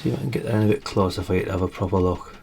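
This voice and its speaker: Croaky man demoing a radio. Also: low-pitched, rapid-fire, darkish tone, slight background noise. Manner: chatty, adds tag questions like "isn't it, really?". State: slightly croaky. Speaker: CB radio reviewer. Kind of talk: casual product demonstration.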